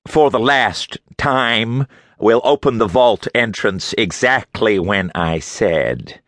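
A man's voice: on the low side, takes it slowly, fairly bright tone, no room sound, clean studio sound, voice pushed up. A man voicing a haughty, contemptuous middle-aged archaeologist with a nasal New England accent. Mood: frustrated.

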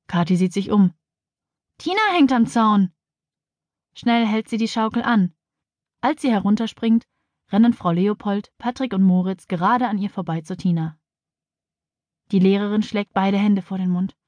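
A woman narrating a children's audiobook in a clear storytelling manner, on a studio microphone. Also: mid-range voice, steady tone, normal speed, dark tone, no echo.

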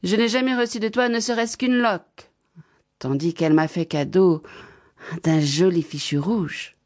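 A woman's voice: fairly low pitch, unhurried, a little mellow, close to an everyday voice. A woman voicing an eager young servant woman who butts in. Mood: aggrieved.

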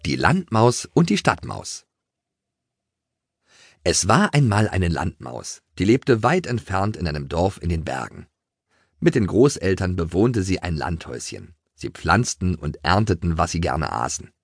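Husky low male narrator, highly animated children's audiobook delivery. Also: measured pace, no room sound, studio quality. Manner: very expressive storytelling. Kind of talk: children's story reading.

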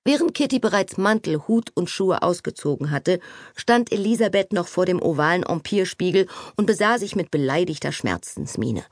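A woman narrating a novel as an audiobook, expressive and animated. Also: fairly low pitch, normal speed, dry recording, studio quality. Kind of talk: scripted narration.

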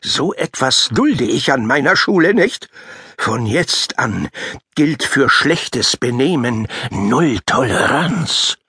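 A man's voice: mid-range voice, big pitch swings, slow, bright, forceful tone, husky, no room sound, clean studio sound, full character voice. A man voicing an irate, pompous school director, a tall thin man, in a snapping, blustering manner for an audiobook. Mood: stern. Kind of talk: audiobook character voice.

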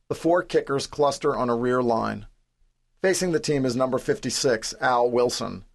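A man in his forties from the New York City area reads his own memoir in a studio, with a mid-pitched voice. His delivery is wry and understated, poking fun at himself. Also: vocal fry. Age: 40s. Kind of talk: scripted audiobook narration.

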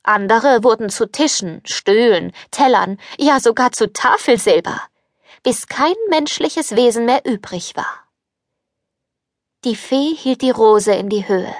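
A woman reading a children's fairy-tale audiobook in a calm, measured way, into a studio microphone. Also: a little high, no echo. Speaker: audiobook narrator.

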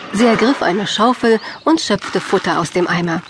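A woman with a medium-pitched voice narrates a scripted children's audiobook in a measured, clearly phrased storytelling style, against a noisy background.

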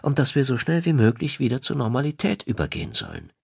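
A playful wife who needles her husband affectionately, her voice set high and lively, as a deep-voiced male reader puts her on. She swings easily between teasing and concern, in a dry, close audiobook sound. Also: fast, gravelly, slightly rough, dry recording, heavily acted. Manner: playful, needling, then caring. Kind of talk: audiobook dialogue.

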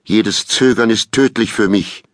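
A man's voice: on the low side, steady tone, normal speed, fairly bright tone, no room sound, studio quality, voice pushed up, lightly acted. A man voicing a desperate fleeing farmer who pleads breathlessly for help. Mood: pleading. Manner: panting, pleading.

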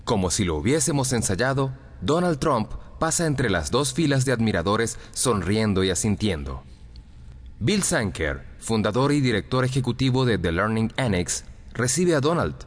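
A man reading a first-person audiobook story in an expressive storytelling manner. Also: on the low side, moderate pace. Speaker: audiobook narrator. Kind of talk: scripted first-person narration. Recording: long reverb on the voice.

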